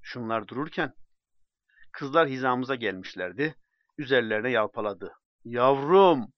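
A man narrating a story in a measured, plain way and acting out the dialogue. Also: medium pitch, no room sound. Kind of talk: audiobook narration. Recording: dull dry recording.

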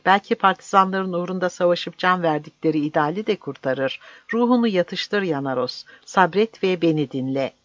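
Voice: medium pitch, a bit bright, no echo, voice pushed up, lightly acted. A fervent young monk, as an audiobook reader puts him on, pleading and declaiming with rising fire. The voice sits around middle height and is recorded dry, with a slightly dull, muffled sound. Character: passionate young male monk turned partisan. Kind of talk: audiobook reading.

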